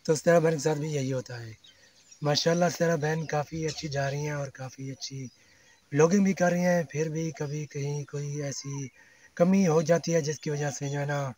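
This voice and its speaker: A man's voice: fairly high pitch, steady tone, moderate pace, a little mellow, slight background noise. A man talking casually to his viewers in a vlog, earnest and devout, repeating his phrases. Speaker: family vlogger. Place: outdoors among fields, then walking.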